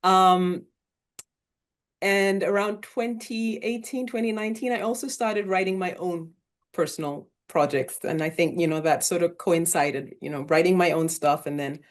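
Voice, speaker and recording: A woman's voice: lowish voice, normal speed. A woman who grew up in Kenya, speaking as a literary translator on an online panel, thoughtful and hesitant with many fillers and restarts. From Sierra Leone and Uganda, raised in Kenya. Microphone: video call.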